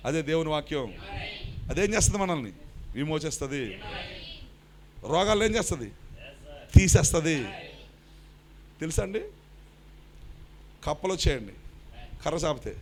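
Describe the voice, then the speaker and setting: A man preaching a sermon, dropping to hushed questions to the congregation and rising to shouted, sing-song proclamations. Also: a little high. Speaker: pastor.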